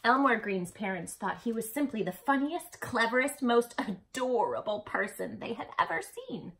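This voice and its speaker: With a somewhat high, sing-song voice that's a touch bright, a woman reads to young children at a moderate pace, speaking fondly and expressively. Her storyteller phrasing is emphatic and directed straight at the listener, though the audio quality is poor.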